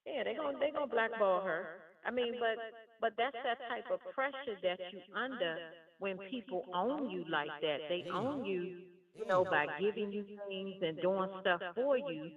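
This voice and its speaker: A woman's voice: medium pitch, moderate pace, distant mic. Woman caller over a tinny phone line. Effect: heard over the phone. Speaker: caller to a radio show. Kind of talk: casual call-in comment.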